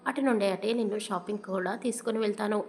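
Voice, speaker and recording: A woman's voice: medium pitch, fast talker, a little mellow, a little hiss or hum, lightly acted. Affectionate young husband, voiced by a woman, teasing and amused, audio story.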